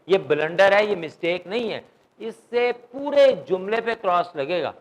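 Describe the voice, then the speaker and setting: Male English teacher, high voice, classroom grammar lecture, keeps quizzing students. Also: lively intonation, poor audio. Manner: quizzes students, mixes English terms into Urdu.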